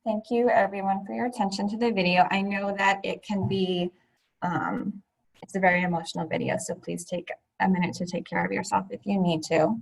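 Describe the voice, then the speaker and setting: A woman presenting a public health program on a video call, measured and explanatory. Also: mid-range voice, steady tone, gravelly, husky, rough recording. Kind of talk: webinar presentation. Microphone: laptop mic on video call.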